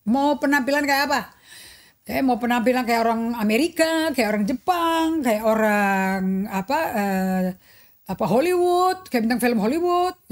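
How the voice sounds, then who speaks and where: A middle-aged woman pastor preaching with a slightly high voice. She switches into English now and then and acts out quotes with lively swings of tone. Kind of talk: sermon.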